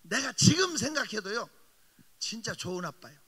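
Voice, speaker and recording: A middle-aged male pastor preaches a revival sermon in a church sanctuary, telling a story with great animation and teasing his congregation. His voice is very high-pitched and his pace moderate. The background is noisy, and the recording carries the long reverb of a large hall.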